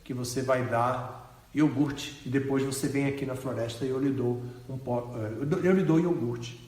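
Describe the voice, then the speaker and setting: A man voicing a divine boy, friend of the poor, who speaks quietly and reassuringly. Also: medium pitch, fairly even intonation, normal speed, natural voice. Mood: kindly. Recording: echoey hall reverb.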